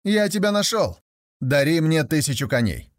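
A man playing a crafty young herdsman in a folk tale. He lifts his voice a little and calls out boastful challenges, loud and sure of himself. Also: a little high, big pitch swings, normal speed, no room sound, studio quality, voice pushed up. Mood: bold.

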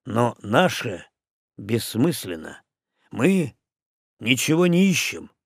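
A man's voice: medium pitch, sing-song, slow pace, creaky, husky, dry recording, studio quality, full character voice. A man voicing a grumpy, skeptical male first mate who grumbles sarcastically. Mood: grumbling.

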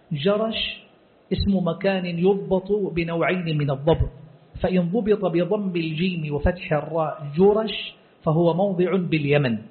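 Man lecturing on a tinny recording. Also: a little high. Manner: measured, explanatory, quotes sources then comments. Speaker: Islamic scholar teaching a text. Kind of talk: classroom lecture explaining a hadith text.

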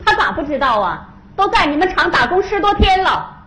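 A bustling peacemaking wife. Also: female voice, very high voice, sing-song, brisk, pushed and bright, full character voice. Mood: coaxing. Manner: bustling, coaxing. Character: bustling hospitable wife, woman, middle-aged, peacemaker. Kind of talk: stage comedy sketch.

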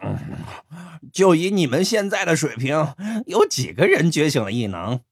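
A man's voice: fairly high pitch, wildly swooping pitch, normal speed, vocal fry, slightly rough, no echo, clean studio sound, voice pushed up, full character voice. A man playing a mumbling giant mole. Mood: casual. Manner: mumbling, playful, then sly. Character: big childlike male mole, greedy and dangerous. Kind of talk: audiobook character voice.

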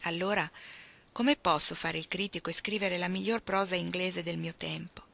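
A woman's voice: on the low side, fairly even intonation, normal speed, gravelly, bright, forceful tone, exaggerated voice. A woman reading the lines of an emotional young noblewoman who swings between despair and rapture, voiced in a tearful, impassioned way.

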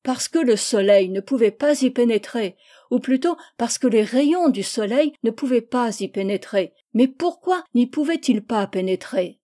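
Old male schoolmaster, lecturing and fussy, a woman puts him on, mellow voice, storybook reading. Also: fairly high pitch, expressive, normal speed. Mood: approving. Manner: coaxing, then exasperated, lecturing.

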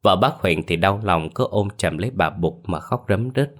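A man narrating a horror story in a measured, dramatic storytelling voice. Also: low-pitched, expressive.

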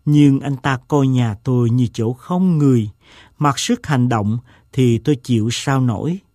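A man reading a story aloud, voicing an eccentric, self-mocking gentleman who tells a long tale in a slow, deliberate way. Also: mid-range voice, no room sound, studio quality, close to an everyday voice. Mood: wry.

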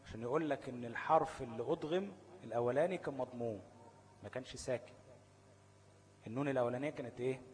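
A man's voice: mid-range voice, rapid-fire, long pauses, darkish tone, a little hiss or hum. A man with an Egyptian Arabic accent teaching Quran recitation rules, often posing fill-in questions and checking that listeners follow. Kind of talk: explanatory lesson.

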